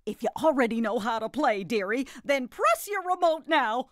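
Grandma Nutt, a high, swooping jolly granny. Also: female voice, big pitch swings, normal speed, no room sound, clean studio sound. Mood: delighted, welcoming. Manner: folksy, gleeful, exclamatory, chuckling. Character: jolly, doting, slightly nutty grandmother game host. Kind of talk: animated children's game narration.

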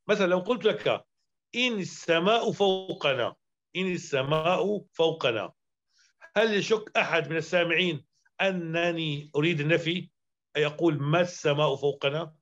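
A man with a somewhat high voice delivers a grammar lesson, laying out each rule and repeating examples. He keeps checking that his students follow along. The recording sounds dull and lo-fi. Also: a bit bright. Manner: explanatory, repeats points and checks understanding. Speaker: Arabic grammar teacher. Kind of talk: lecture explaining grammar verse.

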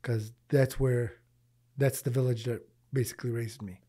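An earnest man with a warm, husky voice speaks at medium pitch with fairly even intonation and a moderate pace. Born in Lebanon and raised in Michigan, this charity founder is a guest on a podcast, chatting casually in a small indoor studio into a boom-arm mic. He repeats words as he thinks and drops in Arabic religious phrases.

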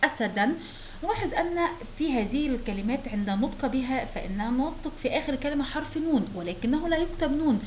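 A fairly high-voiced woman with an Egyptian accent teaches a recorded lesson to first-graders. She says each point again and again in a patient, slow way so small children can follow. A faint hiss sits under her voice. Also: lively intonation, darkish tone, low-quality recording. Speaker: primary school teacher.

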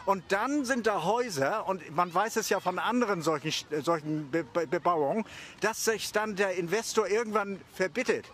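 A man's voice: high voice, normal speed, fairly bright tone, a little hiss or hum. An older man interviewed outdoors on a park lawn, arguing his point with frequent hesitations and restarts. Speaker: local resident interviewed. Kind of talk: street interview.

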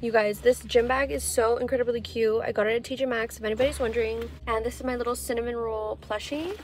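A woman's voice: a little high, steady tone, fast. A woman in her twenties chatting bubbly and casually to viewers on a vlog, filmed on a phone at arm's length in a parked car. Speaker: beauty vlogger. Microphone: phone camera at arm's length.

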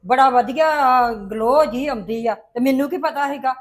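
A woman playing a flustered, high-voiced mother. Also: normal speed, natural voice. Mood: defensive. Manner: flustered, defensive. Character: fussing, well-meaning village mother, easily flustered. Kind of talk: web drama acting.

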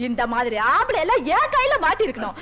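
An actress playing a bossy, fiery wife who lectures others in a domineering way. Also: female voice, very high-pitched, huge pitch swings, quick pace, sharp tone, exaggerated voice. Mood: indignant.

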